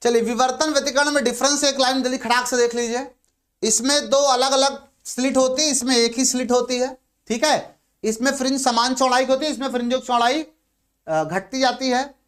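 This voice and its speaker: A man's voice: extremely high pitch, steady tone, brisk, a bit bright, clear, resonant tone. A male physics teacher giving a lecture, who asks questions, answers them himself and repeats the key terms. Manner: repeats key terms and says "ठीक है" often. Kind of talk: blackboard lecture in Hindi.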